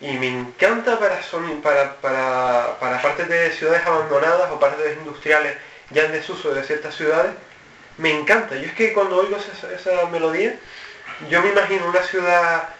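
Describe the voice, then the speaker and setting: A man's voice: fairly high pitch, normal speed, pushed and bright. A man co-hosting a roleplaying podcast, chatting casually and rambling through restarts. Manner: rambling, restarts mid-phrase. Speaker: podcast co-host. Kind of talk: casual roundtable chat. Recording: roomy, distant, dull lo-fi mic.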